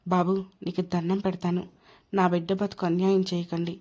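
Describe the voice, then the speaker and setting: A tearful older mother begging for her daughter's sake, voiced by a woman narrator. Her voice is lowish and pleading, heard through a muffled, lo-fi recording. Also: level tone, moderate pace, mellow, lightly acted. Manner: pleading, weeping. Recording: dull lo-fi recording.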